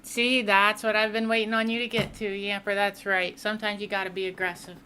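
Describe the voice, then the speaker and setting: A young woman streams a racing sim from her home setup, talking casually at a steady middle pitch while she drives. She reads viewer messages and answers them on the fly. A faint hum of noise sits under her desk-mic voice. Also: brisk. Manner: chatty, reads and answers chat mid-race.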